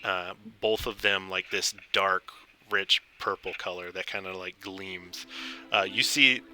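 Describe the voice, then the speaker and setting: A man running a tabletop fantasy game as dungeon master, narrating casually and haltingly as he improvises. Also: low voice, fairly even intonation, bright, forceful tone, poor audio. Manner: halting, informal, searching for words. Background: background game music.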